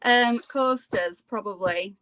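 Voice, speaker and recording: A woman's voice: medium pitch, takes it slowly, sharp tone, no echo, poor audio. A woman talking casually as a guest in an interview. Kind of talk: casual chat.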